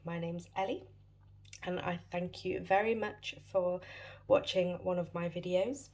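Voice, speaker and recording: A British woman from the United Kingdom hosts a casual budgeting vlog while recovering from a chest infection, sounding a bit wheezy and short of breath. Her lowish, darkish voice has fairly even intonation and a slightly slow pace, and she is chatty and apologetic, with many ums.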